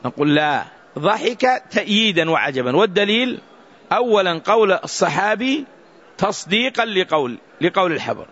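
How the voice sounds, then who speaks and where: A man's voice: high voice, big pitch swings, moderate pace, a bit bright. A man teaching a religious text, explaining it and repeating words to drill their pronunciation. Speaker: Islamic scholar teaching a book. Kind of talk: religious lesson commentary. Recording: dull lo-fi recording.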